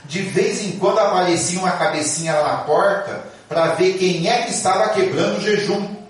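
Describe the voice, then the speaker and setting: A man telling a religious story to an audience in a lively, chatty way, with asides to the listeners, recorded by a distant mic in a large hall. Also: high-pitched, moderate pace. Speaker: speaker. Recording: echoey hall from far off.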